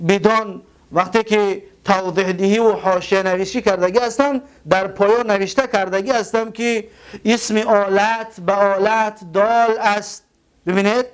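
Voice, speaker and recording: High, clear-voiced Tajik male teacher. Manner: slow, repeats words and spells them out. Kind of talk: grammar lesson.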